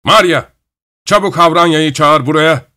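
A man voicing a brisk middle-aged male animal trainer who calls out commands to his animals in an audiobook. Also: mid-range voice, lively intonation, natural voice. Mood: calling out. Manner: loud, calling out commands. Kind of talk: audiobook character voice.

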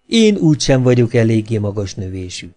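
A man reads the part of a coquettish young actress from a storybook, playful and teasing, lingering over every word and drawing out phrases slowly. The voice is mellow and darkish, fairly low with big pitch swings, and faint music plays behind.

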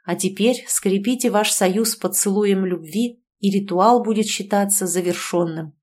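A woman's voice: mid-range voice, unhurried, natural voice. A woman voicing a solemn male clan councilor who leads a wedding rite in a formal, ceremonial tone. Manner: formal, ceremonial, loud announcing.

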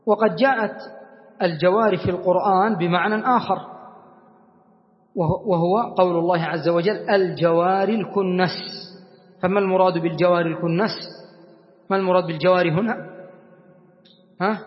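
A man teaching a class as a sheikh, explaining grammar deliberately, repeating key words and quizzing his students. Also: high-pitched, fairly even intonation. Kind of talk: classroom lesson on Arabic grammar. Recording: dull lo-fi sound with long reverb.

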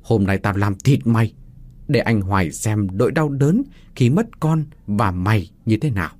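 A man voicing a jealous, cruel young woman who taunts her captives with snarling, shrill outbursts. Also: lively intonation, moderate pace, darkish tone. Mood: menacing.

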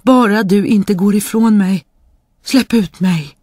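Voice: darkish tone, dry recording, clean studio sound, natural voice. A narrator voicing a huge, boastful spirit trapped in a bottle, in a storybook reading, crying out and threatening. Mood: coaxing. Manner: shrill pleading cries, then booming threats.

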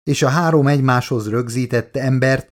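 Man calmly narrating an audiobook. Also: medium pitch. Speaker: author reading his own audiobook. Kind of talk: scripted narration.

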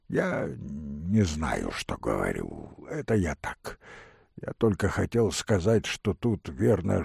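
A man voicing a flustered, pleading gentleman. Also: deep voice, vocal fry, breathy edge, no room sound, studio quality, full character voice. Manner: agitated, pleading, often hushed. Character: anxious flustered middle-aged gentleman. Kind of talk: audiobook character voice.

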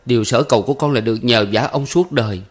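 A man's voice: mid-range voice, quick pace, voice pushed up, natural voice. A man voicing an anxious young man who humbly pleads with his elders. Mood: pleading.

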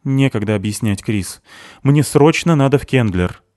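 A man's voice: medium pitch, animated, normal speed, darkish tone, no echo, clean studio sound, voice pushed up, natural voice. A man voicing a tense, secretive young woman with terse, grim replies. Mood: terse urgency.

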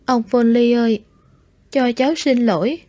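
A woman voicing a gentle young male mushroom monster in human form who is dying, speaking in a weak, breathless near-whisper. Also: fairly high pitch, a little slow, slightly rough, dry recording. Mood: weak, tender.

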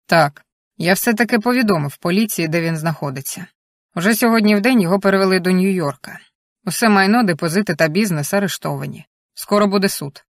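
An audiobook reader voicing a grown man, a calm and firm husband, in a measured, earnest, quiet way. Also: medium pitch, no room sound, clean studio sound, lightly acted. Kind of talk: audiobook dialogue reading.

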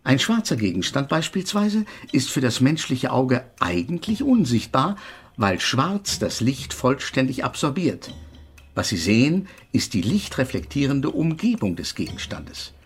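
In a German radio drama, an actor plays an invisible male physics professor, haughty and exasperated, who lectures with pedantic precision. His husky voice is medium-pitched, sing-song, and a little slow, with a precise, lecturing mood.

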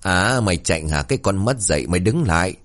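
A man's voice: sits low, expressive, fast, fairly bright tone. A man doing a brash crude young ghost hunter. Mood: bossy. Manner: bossy, mocking, crude.

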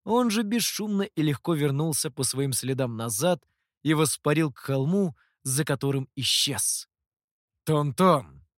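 Expressive male audiobook narrator, dry close sound. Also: fairly high pitch, moderate pace, no echo. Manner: expressive, storytelling. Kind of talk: scripted narration.

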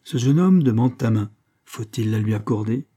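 A stern middle-aged father, read by a male narrator, laying out his arguments point by point. The voice is husky and dark-toned, measured and firm. It sounds like a classic audiobook reading. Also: mid-range voice, expressive, close to an everyday voice.

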